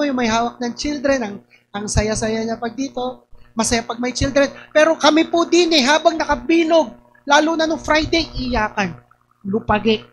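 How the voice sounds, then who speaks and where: A young woman pastor with a Batangas accent delivers a sermon in a high voice. She tells her stories with lively energy and often raises her voice to act out what people said. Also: poor audio. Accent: Batangas Tagalog. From Batangas, Philippines.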